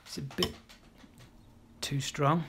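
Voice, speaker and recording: A man's voice: on the high side, steady tone, takes it slowly, fairly bright tone, slight background noise. A man leading a live draw-along painting class, chatty and encouraging, talking as he paints with lots of ums and restarts. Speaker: illustrator teaching a live art class.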